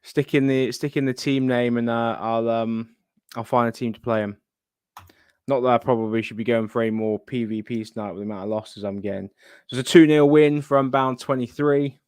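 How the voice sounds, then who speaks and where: A man's voice: mid-range voice, flat delivery, brisk, darkish tone, clean tone, no room sound, clean studio sound. A man chatting casually as host of a live gaming stream, thinking aloud and muttering asides to himself. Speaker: livestream host.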